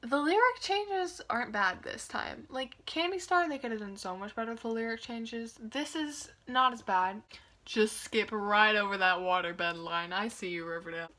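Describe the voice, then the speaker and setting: A woman's voice: fairly high pitch, normal speed, pushed and bright. A young woman giving casual reaction commentary, chatty and wry, full of "like" fillers and amused asides. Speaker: video reactor.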